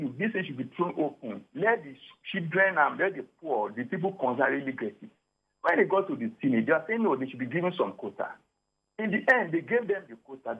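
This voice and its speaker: A man's voice: a little high, husky. A Nigerian man phoning into a talk radio show as a caller, talking emphatically and often repeating and restarting his phrases. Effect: radio show caller over a phone line. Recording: tinny phone line.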